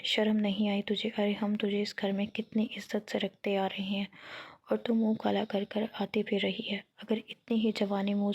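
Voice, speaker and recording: An elderly grandmother rules the house with a commanding, scolding voice, as a woman reads her aloud. The delivery stays breathy and soft-edged. The pitch barely moves, flat even when she is furious. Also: highs cut off. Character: stern elderly grandmother, domineering household matriarch.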